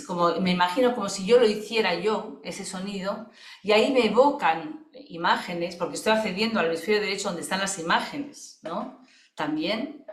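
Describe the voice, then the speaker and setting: Reflective woman teaching, echoey room. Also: lowish voice. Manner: thoughtful, unhurried, often checks in with a tag question. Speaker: singing therapist giving a webinar. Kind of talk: teaching talk. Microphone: video call microphone.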